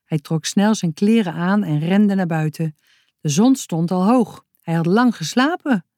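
A woman's voice: fairly low pitch, unhurried, dark tone, no room sound. Woman reading a children's story, dry sound. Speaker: narrator.

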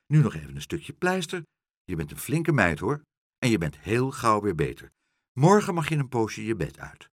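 A man voicing a cheerful, hurried family doctor with a jovial manner. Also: lowish voice, huge pitch swings, no room sound, studio quality. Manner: jovial and rushed.

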